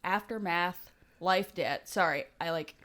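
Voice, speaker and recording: A woman's voice: fairly low pitch, unhurried, a bit bright. A woman co-hosting a casual podcast, talking with a slight lisp and plenty of fillers and restarts. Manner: rambling, with many fillers and restarts. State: slight lisp from dental aligners. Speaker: podcast co-host. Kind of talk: casual chat.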